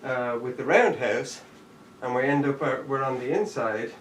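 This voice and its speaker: Teaching jujitsu live over the internet, this man talks through every technique while showing it, calling out the steps as he goes. He speaks at a normal speed in a mid-range voice. The room echoes, the mic sits far off, and there's faint background noise.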